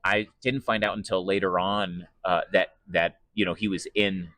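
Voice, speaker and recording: This sports PA announcer and voice actor rambles through casual interview answers, hesitating as he talks conversationally. His pitch sits low with a level tone and fairly bright quality, moving at a moderate pace in a dry recording.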